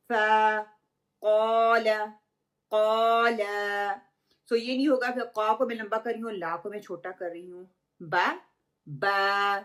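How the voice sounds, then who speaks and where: A woman teaching a recitation lesson step by step, patiently drawing out each example word. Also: medium pitch.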